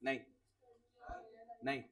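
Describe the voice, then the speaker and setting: A man's voice: takes it slowly, fairly bright tone, recorded from a distance. A man teaching accounts to a class of students, quizzing them, repeating key words and sending off those who answer right.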